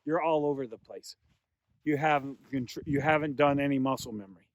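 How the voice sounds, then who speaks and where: A man's voice: medium pitch, brisk. A man giving a hands-on beginner tutorial as a calling instructor, explaining patiently and repeating himself as he demonstrates.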